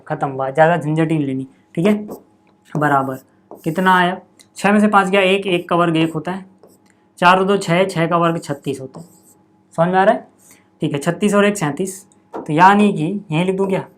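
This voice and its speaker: A man teaching a maths lesson at a board, chatty, often checking in with his students. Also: high voice. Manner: chatty, repeats 'theek hai' and 'yaar' to students.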